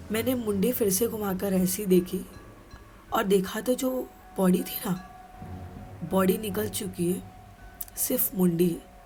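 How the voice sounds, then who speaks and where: A woman's voice: mid-range voice, dark tone. A woman from Mumbai, a vlogger, narrating a scary dream in a tense, dramatic way, sometimes dropping to a whisper. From Mumbai, India. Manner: tense, dramatic, drops into whispers and slow emphasis.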